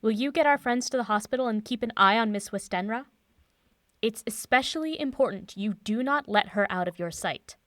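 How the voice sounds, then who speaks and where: Actress as Professor Van Helsing, brisk and dry-miked. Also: female voice, on the high side, lively intonation, no echo, close to an everyday voice. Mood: brisk, urgent. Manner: assured, instructive, decisive. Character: brisk, confident professor, mentor to a former student. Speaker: actor in audio drama. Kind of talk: naturalistic audio drama acting.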